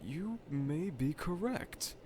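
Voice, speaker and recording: A fairly high-pitched man voices a dejected middle-aged evil scientist in a fan audio roleplay monologue to the listener, vain, needy and melodramatic, with pompous, formal diction. His intonation is very animated yet his delivery unhurried, hesitant and pensive, over light lab ambience with a little hiss or hum.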